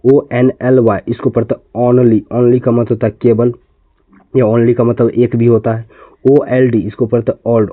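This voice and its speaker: A man's voice: mid-range voice, no echo. A man from India teaching an English reading lesson, spelling words letter by letter and repeating them patiently. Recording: tinny, phone-like lo-fi sound.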